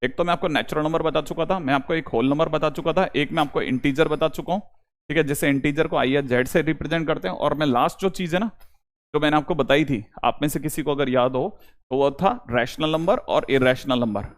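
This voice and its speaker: A young man from India teaches a maths class online, his voice brisk and a little high. He keeps repeating reminders to his students and moves back and forth between Hindi and English.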